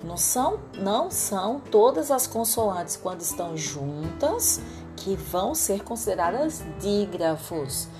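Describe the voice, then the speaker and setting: A woman talks young pupils through a review lesson. She explains step by step and stops often to check that they follow. Her pitch rises and falls a lot, and faint music plays underneath. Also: big pitch swings, measured pace. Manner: patient and explanatory, with frequent check-ins. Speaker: primary school teacher. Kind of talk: remote lesson to children.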